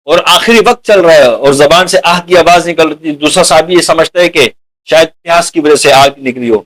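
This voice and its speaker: A man with a high-pitched voice delivers a sermon. He keeps putting rhetorical questions to his listeners and calls them dear companions. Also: fairly bright tone, rough recording. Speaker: preacher.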